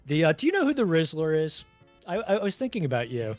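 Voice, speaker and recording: A man co-hosting a casual podcast chat, telling stories with deadpan jokes. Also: on the high side, fast, soft background music. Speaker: podcast co-host.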